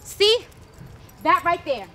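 A woman playing a firm, measured young mother in a web series drama. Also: extremely high pitch, big pitch swings, bright, forceful tone, slight background noise, exaggerated voice.

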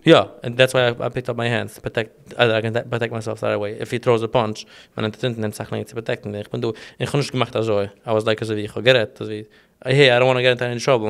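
Fast, gravelly young man rambling. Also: on the low side. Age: young adult. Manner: rambling, mixes in English, many restarts. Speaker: guest. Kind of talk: casual interview chat.

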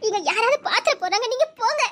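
A frightened young college woman, voiced by a woman, speaking in a very high, quick voice. She sounds torn and anxious throughout. This is emotional audio-drama acting. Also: expressive, fairly bright tone.

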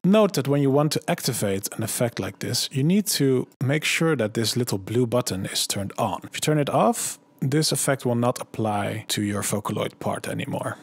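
A man narrating a software tutorial voice-over, calmly walking through each click and setting step by step. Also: mid-range voice, normal speed, few pauses, husky, dry recording. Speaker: tutorial host.

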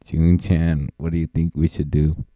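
An amateur voice performer improvises a goofy parody dub full of crude jokes and silly nonsense he keeps repeating. His very deep voice is warm and level at a moderate pace, with no echo and the highs cut off.

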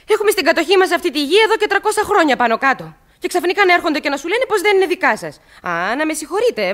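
A proud young landowner's daughter in a vintage radio play, refusing to give an inch. Her voice is high and lively in pitch, and she is sharp-tongued and insistent. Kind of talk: 1960s Greek radio theatre acting.

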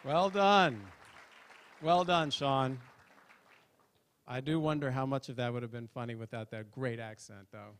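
A man's voice: medium pitch, fairly even intonation, measured pace, long pauses, fairly bright tone, a faint crowd, slight background noise. A man emceeing a comedy contest in a hall, introducing acts with dry, teasing asides. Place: conference hall on stage.

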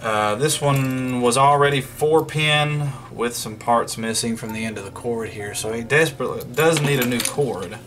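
With a noisy background behind him, this man speaks in a mid-range voice at normal speed, rarely pausing. He's a vlogger doing hands-on radio repair indoors at a wooden workbench, narrating casually and unscripted in a folksy, think-aloud manner.

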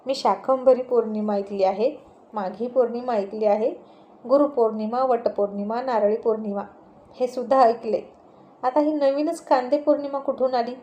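A woman's voice: a little high, fairly even intonation, normal speed, warm tone, lo-fi sound, lightly acted. A woman voicing a puzzled adult man who asks questions in a family story.

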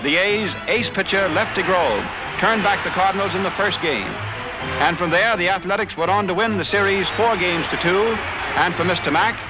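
A man narrating an old newsreel in a brisk, formal announcer manner. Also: sits high, over loud music, rough recording.

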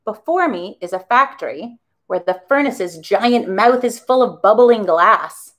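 Expressive woman reading a children's story. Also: mid-range voice, measured pace. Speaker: children's music class teacher. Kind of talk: storybook read-aloud for young children.

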